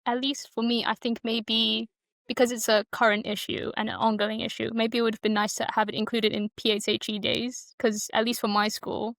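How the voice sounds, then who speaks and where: A young woman from Malaysia who moved to the UK as a child speaks as a podcast guest, casual and reflective, thinking aloud in a loose, informal way. Her fairly high voice has little pitch movement, a fairly quick pace and a fairly bright tone, in a dry, clean studio recording.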